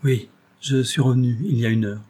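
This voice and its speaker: A man's voice: medium pitch, fairly even intonation, fairly quick, warm tone, slightly rough, close to an everyday voice. A man reading a classic novel aloud, voicing a sly young wife who answers her husband with hesitant, embarrassed replies. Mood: evasive. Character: young charming lady, evasive and sly. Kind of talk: audiobook character reading.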